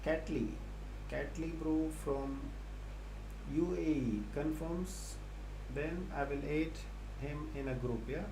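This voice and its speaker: A man's voice: fairly high pitch, slow, vocal fry, background noise. A man giving live market commentary, talking to viewers and often repeating himself. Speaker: live stream host and trading analyst.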